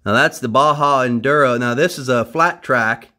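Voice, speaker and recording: Bright and forceful in tone, a medium-pitched man talks at normal speed while showing off an old three-wheeler in his garage workshop. The vintage restorer is chatty and casual, making wry jokes at his own expense.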